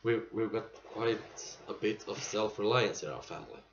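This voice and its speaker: Man acting low-voiced aging salesman in monologue. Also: normal speed. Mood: nostalgic. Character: aging male salesman, nostalgic, pleading, weary pride. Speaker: actor performing a monologue. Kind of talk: dramatic stage monologue. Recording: muffled amateur recording with clear background noise.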